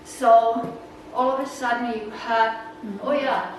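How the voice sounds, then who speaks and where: A Czech woman from the Czech Republic, her accent clearly Czech, chats her way through a rambling slide talk for a naturalist club, using many fillers and laughing along. Her voice is a little high, slow, with fairly even intonation. The meeting room audio sounds echoey and noisy, with her voice far off.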